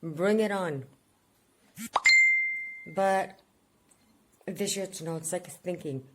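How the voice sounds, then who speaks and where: Speaking slowly in a fairly low voice over heavy background noise, this vlogger in her forties talks casually from home. Her chat is rambling and skips between topics.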